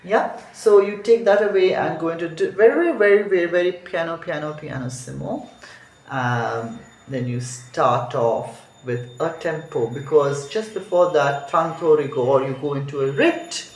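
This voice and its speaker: A man's voice: a little high, animated, a little slow. A man teaching a song, explaining each phrase, thinking aloud and correcting himself. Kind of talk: music lesson walkthrough. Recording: roomy echo.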